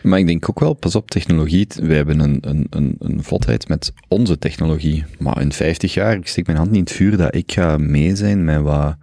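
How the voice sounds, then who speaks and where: A man in his thirties speaks with a low, gravelly voice on a casual podcast. He weighs his words and stops to search for them. His tone is dark and the recording is dry. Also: normal speed, few pauses, no echo. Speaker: podcast co-host. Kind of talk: casual chat.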